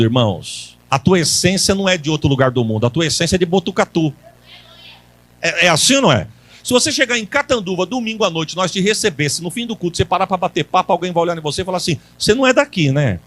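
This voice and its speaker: A high-voiced male pastor delivers a Pentecostal sermon at a church service, trading call-and-response with the congregation before rising into loud preaching. His storytelling is folksy, with colloquial grammar.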